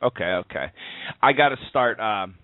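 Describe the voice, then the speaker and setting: A man's voice: medium pitch, lively intonation, moderate pace, no room sound. A man hosting a podcast in casual chat, rambling with lots of fillers and restarts. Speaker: podcast host. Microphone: internet call over wireless. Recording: tinny Skype call audio.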